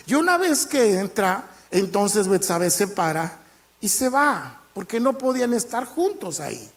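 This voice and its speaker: A man preaching a sermon in Spanish, retelling a Bible story with lively, acted-out dialogue. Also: sits high. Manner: animated storytelling, acting out the king's lines.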